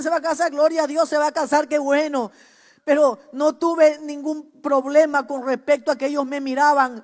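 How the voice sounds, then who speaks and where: A woman gives a sermon testimony to young people, swinging from hushed storytelling to loud exhortation. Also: high-pitched. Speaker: preacher giving testimony. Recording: long hall reverb.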